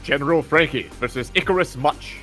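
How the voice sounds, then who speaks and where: A man's voice: on the high side, brisk, sharp tone, soft background music. A man narrating manga titles from a script.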